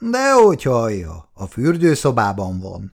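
A man voicing a brisk, matter-of-fact middle-aged father in a reading. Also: medium pitch, huge pitch swings, vocal fry, full character voice.

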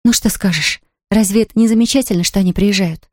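A woman reading aloud, voicing an eager, chatty young girl who talks in quick exclamations. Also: mid-range voice, no room sound, studio quality, close to an everyday voice. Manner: breathless, rapid, exclamatory.

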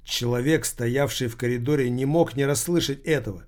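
Male audiobook narrator: measured, even reading, mid-range pitch.

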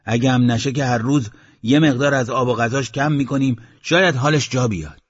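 On a dull lo-fi audiobook recording, a man voices a shrewd, wise villager who speaks firmly and with calculation. His natural voice is mid-range and husky, pushed up for the role.

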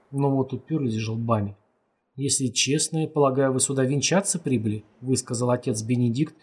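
Husky male audiobook narrator. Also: mid-range voice, darkish tone. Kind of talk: scripted narration.

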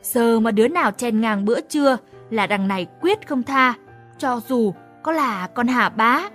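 A woman voicing a hot-tempered, clumsy teenage boy in an audiobook story, bossy and shouting. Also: a little high, lively intonation, measured pace, faint music behind. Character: brash clumsy teenage boy, loud and impatient. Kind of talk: audiobook character voice.

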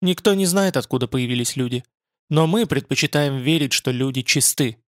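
A man's voice: medium pitch, normal speed, no room sound, studio quality, lightly acted. A man voicing a grave, proud female spirit being who speaks in a solemn, reserved way.

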